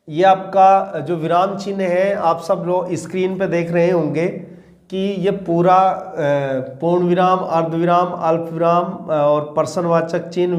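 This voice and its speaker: A man teaching a Hindi grammar lesson for exam students, speaking slowly and repeating key words so they can take notes. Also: fairly high pitch, a little mellow, roomy sound. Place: classroom or small teaching room.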